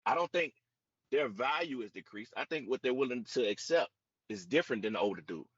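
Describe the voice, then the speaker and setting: Blunt man, bright forceful voice. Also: mid-range voice, animated, fairly quick, husky, dry recording. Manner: blunt and emphatic, profane. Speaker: podcast co-host. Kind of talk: casual podcast discussion. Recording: dry lo-fi audio.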